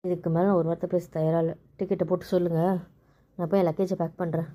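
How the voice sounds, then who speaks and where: A woman's voice: lowish voice, little pitch movement, fast talker, dark tone, close to an everyday voice. A woman playing a young wife who pleads with and coaxes her sulking husband in a family skit, then turns indignant.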